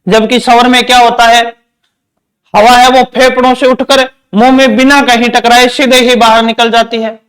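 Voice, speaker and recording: A man's voice: very high-pitched, level tone, normal speed, fairly bright tone. A male teacher giving an exam-prep grammar lecture, repeating points and asking questions he answers himself. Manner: repetitive question-and-answer drilling.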